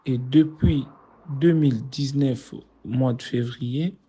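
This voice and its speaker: A man's voice: mid-range voice, slow, dark tone, breathy edge. A man with a Congolese accent giving a personal testimony as a guest speaker. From Democratic Republic of Congo. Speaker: guest speaker telling his story.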